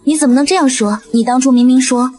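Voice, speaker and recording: A woman's voice: a little high, fairly quick, darkish tone, natural voice. A woman voicing a scheming young half-sister who whines and clings pleadingly. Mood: whining.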